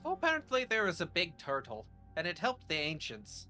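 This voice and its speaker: This tabletop game player chats casually in a bright voice with very animated pitch. Faint music plays behind. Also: a little fast.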